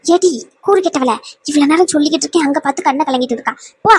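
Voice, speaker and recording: A woman's voice: high voice, racing, no echo, lightly acted. Woman voicing a scolding wise grandmother. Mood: advising. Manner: scolding yet soothing, full of advice. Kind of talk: cartoon voice acting.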